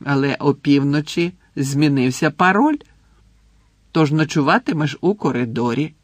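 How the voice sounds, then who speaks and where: A man's voice: fairly high pitch, expressive, normal speed, no echo. A man voicing a fussy, haughty portrait lady who snaps at people, in a storybook reading. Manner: indignant, snapping.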